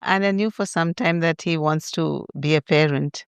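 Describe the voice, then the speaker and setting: Older Indian woman with a creaky, resonant voice. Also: sits low, normal speed, no room sound. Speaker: interview guest.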